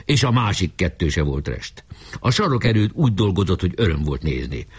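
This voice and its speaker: Husky low-voiced male storyteller. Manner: lively, expressive storytelling. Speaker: narrator. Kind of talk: audiobook narration.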